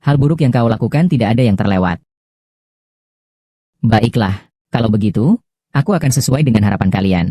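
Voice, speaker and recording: A man's voice: fairly low pitch, lively intonation, fairly quick, pauses often, mellow, no room sound, studio quality. A man voicing a wronged young woman who speaks bitterly and accusingly in dubbed drama dialogue.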